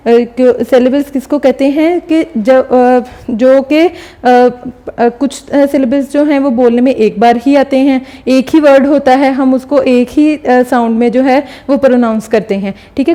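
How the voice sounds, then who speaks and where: A woman teacher explaining a recorded lesson step by step, often pausing to check understanding. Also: high voice, mellow. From Pakistan. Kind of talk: recorded classroom lecture.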